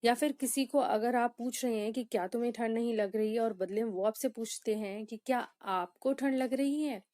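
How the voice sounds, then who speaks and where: A woman English teacher with a mellow, fairly high voice gives a lesson recorded dry and close, with no room sound. She explains things patiently, saying each example sentence very slowly and then repeating it.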